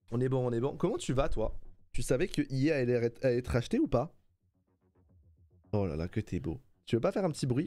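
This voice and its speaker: A man's voice: medium pitch, dark tone. Playful man cooing at his baby. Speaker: streamer. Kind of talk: casual live-stream chat.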